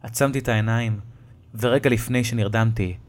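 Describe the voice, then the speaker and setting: A man narrating a scary first-person story at a mid pitch. He reads in a measured way and pauses for effect on the tense moments. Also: fairly even intonation, a little hiss or hum.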